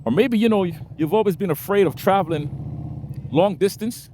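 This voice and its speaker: Biker vlogger, male, fairly high but mellow voice, loose and chatty, helmet mic with faint road noise. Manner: chatty, laughs often, drawn-out stresses. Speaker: motorcycle vlogger. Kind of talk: casual chat while riding. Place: on a motorcycle in traffic outdoors. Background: faint traffic and wind noise.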